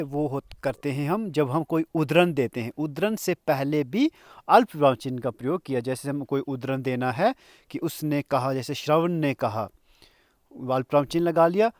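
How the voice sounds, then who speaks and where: A man teaching a grammar lesson in a slow, explanatory way, pausing between examples and coughing now and then. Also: a little high, dry recording, studio quality.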